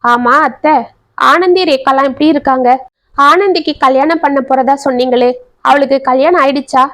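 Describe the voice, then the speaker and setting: A woman's voice: high voice, moderate pace, fairly bright tone. A woman voicing a heartbroken young wealthy man pleading tenderly in a family storybook tale. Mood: gentle.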